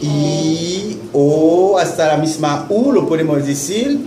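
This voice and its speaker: A man teaching in a classroom, slowly repeating words for students to echo. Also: fairly high pitch, lively intonation. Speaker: Haitian Creole teacher. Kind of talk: classroom lesson. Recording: echoey classroom with faint noise.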